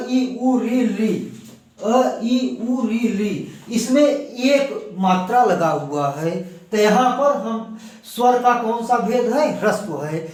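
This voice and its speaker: A man teaching a slow, patient grammar lesson for exam preparation, repeating examples one by one. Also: very high voice. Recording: echoey room, mic at a distance.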